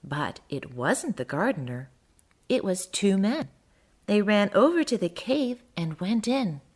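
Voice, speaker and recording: A woman voices a friendly, curious little garden mole narrating a children's storybook tale in first person, with expressive, sing-song delivery. Her mid-range voice is unhurried, carrying a mood of earnest wonder.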